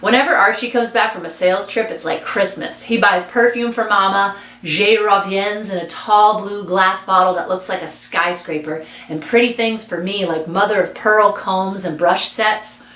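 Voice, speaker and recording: A woman's voice: medium pitch, steady tone, normal speed, fairly bright tone. A woman reading a children's novel aloud, adding chatty asides to listeners. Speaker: reader. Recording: roomy echo.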